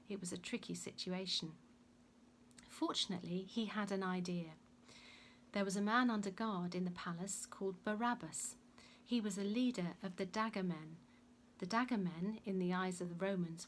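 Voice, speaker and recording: A woman reading a Bible story aloud as scripted narration, with measured storytelling. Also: medium pitch, a little hiss or hum. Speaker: reader.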